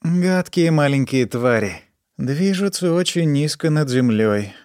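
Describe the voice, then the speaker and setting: Audiobook: erratic young woman, high and shrill, a male reader doing her, dry booth. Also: lively intonation, a little slow, a little mellow, no room sound. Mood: disgusted. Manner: shrill outbursts, rambling repetition. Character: erratic stoned young woman, jittery and defensive. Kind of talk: audiobook character voice.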